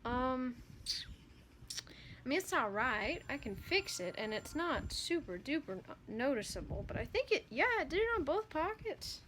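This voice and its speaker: A young woman vlogging in a loose, rambling chat, slightly higher-pitched than most women. She fills her talk with "like", giggles at herself and teases her own quirks. A steady hiss of background noise runs under the recording. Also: normal speed, low-quality recording. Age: young adult. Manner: rambling, chatty, lots of "like" fillers; giggly, self-deprecating. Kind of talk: casual chat haul video.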